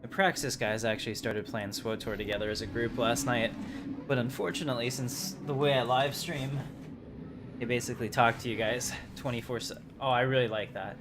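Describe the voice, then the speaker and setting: A man livestreams his gameplay and talks casually with viewers while commenting on it, speaking briskly at a medium pitch. Steady noise runs behind his voice.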